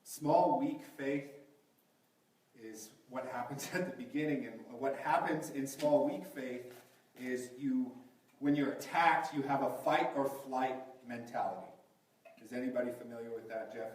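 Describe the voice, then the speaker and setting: A man's voice: mid-range voice, moderate pace, a little mellow. A man preaching a sermon at a pulpit microphone, asking the congregation question after question. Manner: asks the congregation rhetorical questions. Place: large echoey church hall. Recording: very echoey, from a distance.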